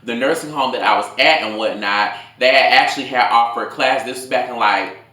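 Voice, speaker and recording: A man in his late twenties telling a casual, rambling story in slangy, animated talk as a food vlogger. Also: mid-range voice, a little fast. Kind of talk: casual storytime told over a meal. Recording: echoey room.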